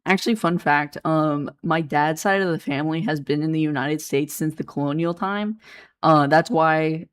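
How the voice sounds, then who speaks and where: A woman's voice: low voice, moderate pace, clean tone. A woman streaming a game, chatting in a playful, rambling way and laughing often. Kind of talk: casual game stream chat.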